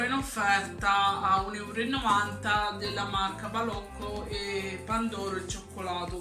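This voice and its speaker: A woman still getting over the flu, casually presenting a grocery haul item by item. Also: mid-range voice. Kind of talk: casual item-by-item shopping narration. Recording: roomy echo, distant mic, music behind. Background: music.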